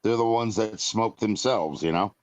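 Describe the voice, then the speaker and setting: A man's voice: on the low side, normal speed, slight background noise. A man in his fifties chatting casually on a live stream, talking in a rambling, blunt way with some mild cursing. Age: 50s.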